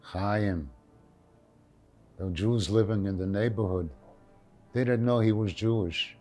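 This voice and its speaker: A man's voice: on the low side, slow, darkish tone, soft background music. An elderly man with a Yiddish accent reminisces in an interview in plain, short, often repeated phrases, dropping in Yiddish words. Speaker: Holocaust survivor giving testimony.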